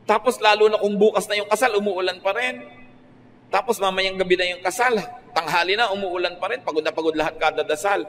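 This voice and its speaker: A man with a Filipino accent, a pastor giving a conversational radio sermon that mixes Filipino and English, with sudden lively rises in pitch. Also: fairly quick. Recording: faint noise, long reverb.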